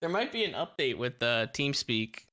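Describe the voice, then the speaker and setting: A man in casual roleplay chat talking through a voice changer that shifts his voice higher, laid-back and trailing off. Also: very animated, moderate pace, bright, forceful tone.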